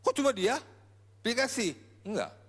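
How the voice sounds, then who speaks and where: A male pastor preaching a sermon in an animated, colloquial style that swings between sudden shouts and quiet drops. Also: very high voice, moderate pace. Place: large church hall. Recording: echoey church hall.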